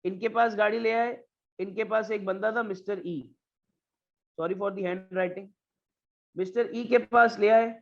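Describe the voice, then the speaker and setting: A man's voice: sits high, steady tone, takes it slowly, vocal fry, long pauses, highs cut off. A man with a Pakistani Urdu accent teaching business, telling a story and acting out every character's lines himself. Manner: affectionate, calls students "beta". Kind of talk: storytelling lecture with acted dialogue.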